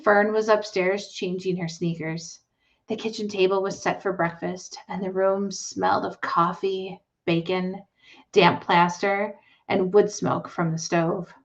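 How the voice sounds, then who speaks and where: A woman reading a children's storybook aloud as scripted narration, in a deliberate storytelling manner. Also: mid-range voice, level tone, lo-fi sound. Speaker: storybook reader.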